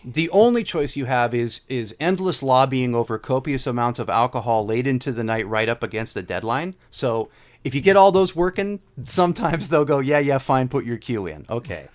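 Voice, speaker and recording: A man's voice: medium pitch, lively intonation, normal speed. Wry, storytelling middle-aged man. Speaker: guest composer. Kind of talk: casual podcast chat.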